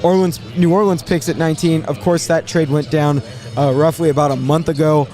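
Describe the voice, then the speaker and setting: Higher-pitched man hosting live sports commentary. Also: steady tone, warm tone, soft background music. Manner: halting, thinking aloud, repeats words. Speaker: draft show host.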